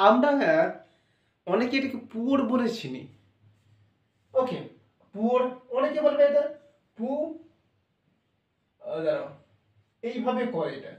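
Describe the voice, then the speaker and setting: A man's voice: very high voice, recorded from a distance, highs cut off. A man teaching a phonics lesson who keeps repeating his points and checking in with "okay". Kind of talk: spoken English phonics lesson. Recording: roomy echo, voice off-mic.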